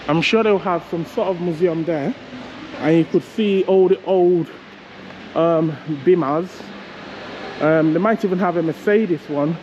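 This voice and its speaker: Slow, chatty man vlogging outdoors. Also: fairly high pitch, darkish tone, dull audio. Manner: chatty, rambling, laughs at himself. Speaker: travel vlogger. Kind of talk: casual walking vlog. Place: outdoors on city streets. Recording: outdoor street noise with passing traffic.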